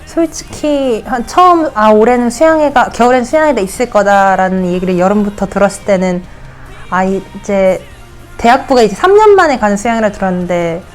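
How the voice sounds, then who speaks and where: A nineteen-year-old woman answers interview questions. She talks candidly. Her thoughts tumble out in quick bursts. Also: medium pitch, faint music behind. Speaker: student interviewee.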